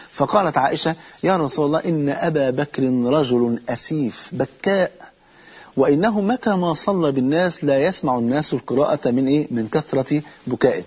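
A man with an Egyptian Arabic accent delivers a sermon, his voice husky and pitched a little high. He talks at a quick clip and addresses his listeners directly. He slows down sharply to draw out the lines he quotes. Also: a little mellow. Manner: storytelling with slow, drawn-out quotes. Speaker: preacher.

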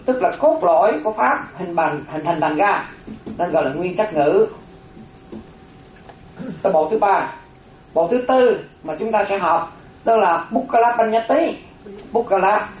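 A Buddhist monastic teaching a dharma class, slowly repeating terms for note-taking, with chatty asides. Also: medium pitch. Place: classroom with a board. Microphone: distant room microphone. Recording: roomy, distant, dull lo-fi room recording.

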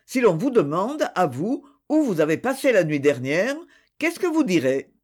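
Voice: medium pitch, sing-song, moderate pace, darkish tone. A reader voicing a tall, nervous mask-seller who teases a friend with sly, needling questions. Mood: teasing. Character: tall showman of masks, nervous and mocking.

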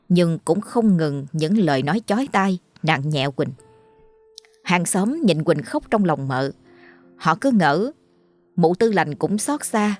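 Low-voiced woman narrating a ghost story. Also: a little mellow.

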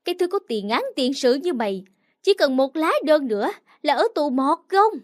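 A woman reading a storybook voicing a loud, quarrelsome older village woman who scolds coarsely. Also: high voice, very animated, moderate pace, no room sound, studio quality, voice pushed up. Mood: shrieking.

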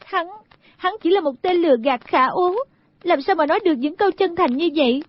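A woman's voice: very high-pitched, brisk, dry recording, voice pushed up. Woman doing a fiery scolding young girl. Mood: tearful. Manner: sharp, scolding. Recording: dull lo-fi audio.

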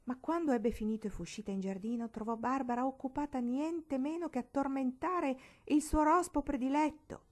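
A woman reading a classic novel aloud as narrator, in an expressive, dramatic manner. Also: a little high. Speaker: storybook reader.

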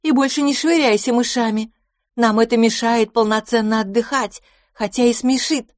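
A woman playing a gaggle of greedy, grumpy storybook mermaids who grumble and make demands. The voices sit high and loud, recorded dry and close. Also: steady tone, normal speed, no echo, natural voice. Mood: sleepy cheek. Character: several bossy, greedy mermaids, grumpy and cheeky.

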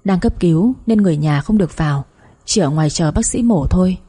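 A woman narrates a dramatic story, steady and measured. Her voice sits low, dark and mellow, with a husky grain.

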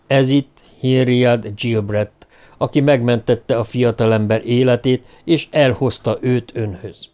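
A cold imperial officer speaks in calm, measured and coolly polite tones, as a male audiobook reader plays him. He holds an average male pitch and never raises his voice. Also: natural voice. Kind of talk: audiobook character reading.

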